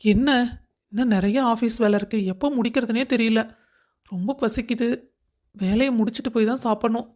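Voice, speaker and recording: A woman's voice: fairly high pitch, fairly even intonation, fairly quick, pauses often, darkish tone, lightly acted. A woman playing a fond, busy young husband. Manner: coaxing, affectionate scolding. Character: young husband, busy office worker, gently teasing.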